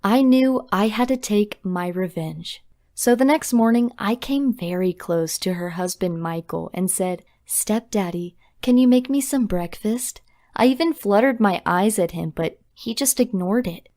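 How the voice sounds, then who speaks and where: A young woman narrating a scripted storytime confession in a brisk, dramatic way. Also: mid-range voice, a little mellow.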